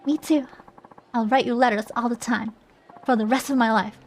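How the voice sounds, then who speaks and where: Woman reading earnest shy boy, soft heartfelt delivery, slightly high. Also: steady tone, normal speed, soft background music, natural voice. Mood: tender.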